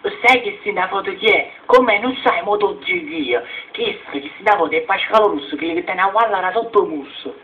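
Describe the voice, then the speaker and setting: A man's voice: high voice, animated, a little fast, hardly any pauses, faint music behind. A man voicing a pushy, foul-mouthed young man with a Neapolitan accent, firing insistent questions in a comic amateur dub. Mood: nagging. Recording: muffled, noisy lo-fi home dub, distant.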